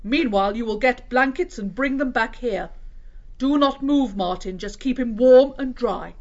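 A man voicing a commanding female badger who gives firm, measured orders. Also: very high voice, lo-fi sound, voice pushed up.

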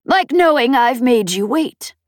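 Woman doing a theatrical pirate matriarch, shrill, high, loud, scornful, storybook, dry booth. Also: animated, a little slow, no room sound. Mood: teasing.

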